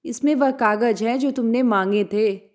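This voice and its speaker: A woman's voice: on the high side, measured pace, darkish tone, lightly acted. A woman voicing a caring aunt who dotes on her nephew and asks concerned questions, as part of a story reading.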